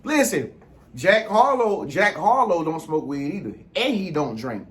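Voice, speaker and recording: An American man with a fairly high voice delivers an informal, rambling monologue as a vlog host. He speaks in street slang and keeps circling back with little check-in phrases to make sure he is followed. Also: big pitch swings, moderate pace.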